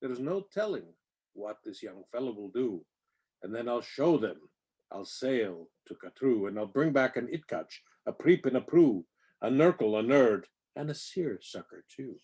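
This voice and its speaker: Reading rhyming storybook verse aloud, a man with a mid-range, dark, husky voice takes an unhurried, sing-song delivery. He plays up the nonsense words in the children's picture book with theatrical, playful emphasis.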